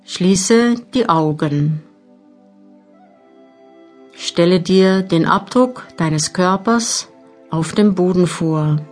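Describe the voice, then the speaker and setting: Female narrator for guided relaxation: slow, measured, slightly low voice, long pauses, new-age music underneath. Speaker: mental training narrator. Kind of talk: guided meditation audiobook narration.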